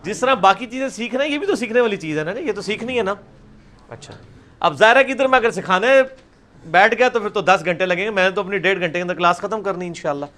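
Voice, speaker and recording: A man teaching a recitation class over a video call, repeating each sound slowly and loudly for his students. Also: sits high, lively intonation.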